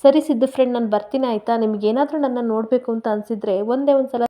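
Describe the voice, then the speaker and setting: A woman's voice: on the high side, fast talker, mellow, close to an everyday voice. Little girl, affectionate and pleading; woman narrator voicing her. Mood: earnest. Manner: pleading, tearful.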